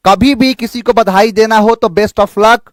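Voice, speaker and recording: A male teacher with an Indian accent explaining exam English questions in Hindi, reading answer options aloud slowly and carefully. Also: high voice, steady tone, no echo, clean studio sound. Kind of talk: exam prep lesson.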